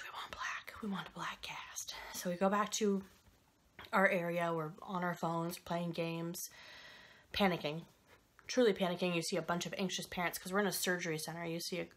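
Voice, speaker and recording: A young woman hosting a podcast, telling a personal story in a candid, animated way with frequent swearing and quick asides. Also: lowish voice. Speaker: podcast host.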